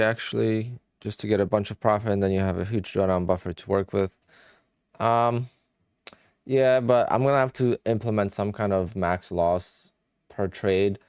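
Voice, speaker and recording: Trading live on stream, this young Polish-accented man speaks casually, musing aloud and replying to chat questions. His lowish voice has a darkish, clean tone, and the recording is dry with clean studio sound.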